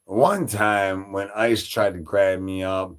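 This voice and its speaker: A man from Chicago chatting loosely on a livestream, profane and rambling, with plenty of fillers and shout-outs. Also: low voice, steady tone, slow pace, smooth. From Chicago, Illinois. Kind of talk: rambling casual stream chat.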